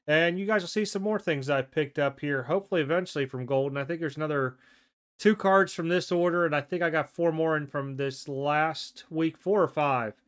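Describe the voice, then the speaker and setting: Chatty man, smooth clear voice. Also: fairly high pitch, fairly quick. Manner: relaxed, chatty, thinks aloud and self-corrects. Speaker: sports card collector showing mail. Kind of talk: casual show-and-tell vlog. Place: home desk with card displays, indoors.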